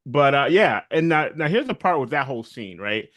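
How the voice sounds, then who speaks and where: A man co-hosting a casual podcast recap of a TV series, animated and often acting out characters' lines. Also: mid-range voice, a little fast, no echo. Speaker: podcast co-host.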